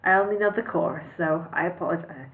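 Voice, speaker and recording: A woman's voice: fairly low pitch, quick pace. Apologetic woman reading on a tinny stream. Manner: chatty and apologetic, with frequent hesitant fillers. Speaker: reader and live streamer. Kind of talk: casual live-stream story reading.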